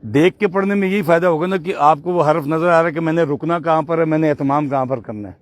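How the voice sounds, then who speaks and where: High-voiced patient tajweed teacher, dry sound. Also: male voice, dry recording. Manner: patient, corrective, repeats words slowly as models. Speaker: Quran recitation teacher. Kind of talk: tajweed lesson correcting a student.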